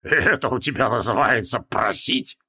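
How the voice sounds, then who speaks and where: A man reading an audiobook, voicing a weary, sardonic male demon prisoner in a low, subdued drawl. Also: expressive, normal speed, sharp tone, heavily acted.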